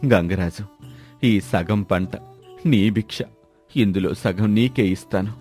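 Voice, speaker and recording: A man voicing a proud village farmer who turns remorseful, speaking in a lowered, lamenting voice. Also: slow, a little mellow, soft background music. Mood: grateful.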